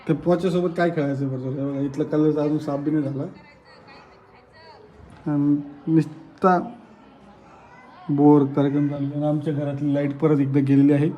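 A chatty man hosts a casual family vlog, talking straight to his viewers in a slightly higher voice. He teases his family in an easygoing, lively way. A faint hum of noise sits behind him. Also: fast talker, few pauses, muffled recording. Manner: chatty, teasing, addresses viewers directly. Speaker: family vlogger host. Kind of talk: casual home vlog chat.

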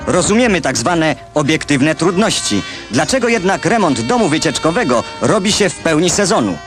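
Man, old newsreel narration, wry commentary, animated delivery, clear music behind. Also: fairly high pitch, moderate pace. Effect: old newsreel recording.

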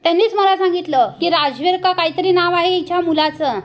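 A woman's voice: extremely high pitch, brisk. A woman voicing a furious domineering mother-in-law. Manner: harsh, scolding.

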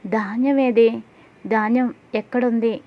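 A woman voicing a frail elderly grandfather who speaks slowly and softly. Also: on the high side, fairly even intonation, lo-fi sound, natural voice. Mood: worried.

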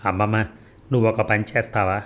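A man's voice: on the low side, little pitch movement, fairly quick, a bit bright, close to an everyday voice. A man voicing a heartbroken young woman in an audio story, speaking in a tearful, pleading way.

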